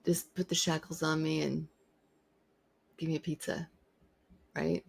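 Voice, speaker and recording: Talking to camera, a woman shares strong opinions, emphatically repeating her points. Her low, husky voice has vocal fry and stays flat and unhurried.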